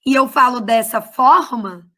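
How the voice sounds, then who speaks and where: High-voiced teacher with a Cearense accent. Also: female voice, a little slow, sharp tone. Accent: Cearense Brazilian Portuguese. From Ceará, Brazil. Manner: chatty, affectionate explaining to students. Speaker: Portuguese teacher. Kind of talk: online class lecture.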